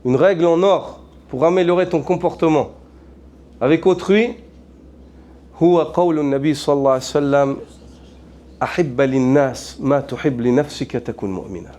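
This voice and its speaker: A man's voice: a little high, normal speed, warm tone. A man, an imam, preaching a sermon earnestly, mixing in Arabic phrases and asking repeated rhetorical questions.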